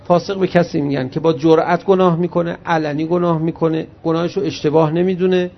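A man preaching a religious sermon, reciting Arabic hadith slowly and then explaining them conversationally to his audience. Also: a little high, vocal fry. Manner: animated storyteller addressing the audience directly. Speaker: cleric preacher. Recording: muffled lo-fi recording.

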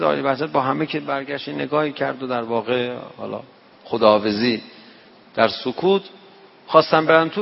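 A man preaching with a Tehran accent, his voice gravelly and a little husky. He speaks in a folksy, conversational way. The recording is dull and lo-fi, with long reverb from a large prayer hall. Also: fairly high pitch. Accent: Tehran Persian. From Tehran, Iran. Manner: folksy and conversational, acting out dialogue in anecdotes. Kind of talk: night-prayer sermon with storytelling.

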